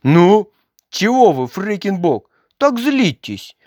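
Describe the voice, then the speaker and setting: A woman's voice: medium pitch, big pitch swings, slow pace, a little mellow, no room sound, studio quality, pitched above the performer's own voice. A woman voicing a small, anxious boy who pleads on the verge of tears in a read-aloud story. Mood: pleading. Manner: pleading, tearful.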